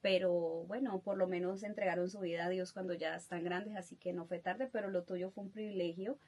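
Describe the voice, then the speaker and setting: A woman hosting a podcast interview, warm and affirming, with frequent fillers. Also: on the low side, fairly even intonation, a little fast. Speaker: podcast host.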